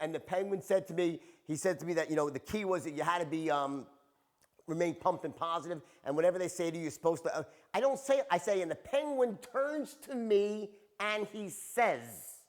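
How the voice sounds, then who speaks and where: A man giving a seminar talk as a sales trainer, animated and tagging his points with "right?" and "okay?". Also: high-pitched.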